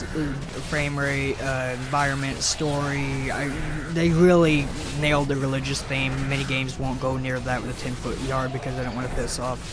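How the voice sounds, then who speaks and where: Rambling, stammering gamer guy. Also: on the high side. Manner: rambling, stammering, many fillers. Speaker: gaming video creator. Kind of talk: rambling commentary over gameplay. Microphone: home mic without pop filter.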